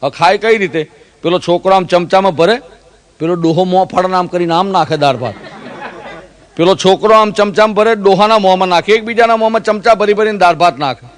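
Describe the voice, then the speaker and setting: High-voiced Gujarati comedian telling jokes. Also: male voice, brisk. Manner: storytelling with mimicked voices of characters. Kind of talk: stand-up joke telling.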